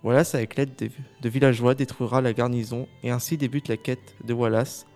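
A man's voice: medium pitch, steady tone, brisk, a little mellow, soft background music. A man reviewing a film, moving between prepared summary and casual discussion.

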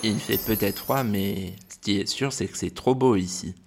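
A man's voice: lowish voice, moderate pace, slight background noise, close to an everyday voice. A man voicing an awestruck little boy who stammers his questions in a children's story. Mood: awed. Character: small, awestruck little boy, the younger brother.

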